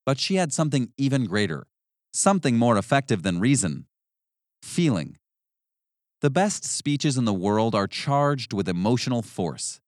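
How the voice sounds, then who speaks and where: A man reading scripted audiobook narration in a measured, emphatic way with varied stress. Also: mid-range voice, no echo, studio quality.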